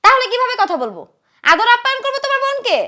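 A woman playing a spiteful young wife who scolds loudly and sneers at her husband's sister. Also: very high-pitched, sing-song, very fast, heavily acted. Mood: scornful. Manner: scolding, loud and contemptuous. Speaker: sharp-tongued wife. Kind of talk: short film acting.

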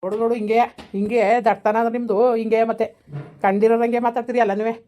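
A woman's voice: fairly high pitch, little pitch movement, quick pace, dark tone, slight background noise, natural voice. Woman playing a blunt, scolding village elder. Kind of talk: village family drama.

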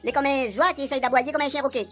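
A woman's voice: high-pitched, flat delivery, racing, faint music behind, close to an everyday voice. A woman voicing a blunt, mocking gendarme sergeant in a radio drama. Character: blunt gendarme sergeant, sharp-tongued subordinate.

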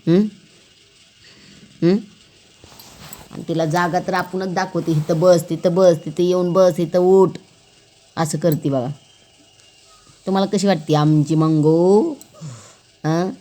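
A woman's voice: low-pitched, warm tone. A woman vlogging about her pet cat in a playful, teasing way, often repeating words and asking viewers questions. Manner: asks the viewers questions directly.

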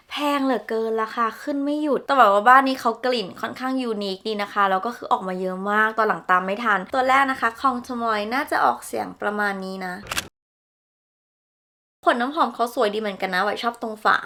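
A woman's voice: a little high, fairly bright tone. A young woman chatting casually through a perfume review, descriptive and gushing, with polite particles. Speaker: beauty vlogger.

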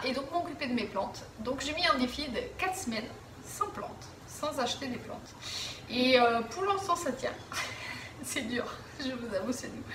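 A woman in her thirties with a high, sharp-toned voice chats to camera at home in her living room, answering viewer questions with frequent fillers and restarts. Because the camera is at a distance, her voice sounds a bit far away and echoey, with a little hiss or hum.

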